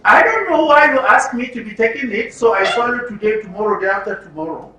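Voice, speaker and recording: A man with a Nigerian accent and a high, expressive, bright voice speaks fairly quickly and forcefully as a trainer running an orientation workshop for media workers. He quizzes listeners and repeats phrases didactically in this interactive lecture. The live workshop room is echoey, captured on a distant mic with faint noise.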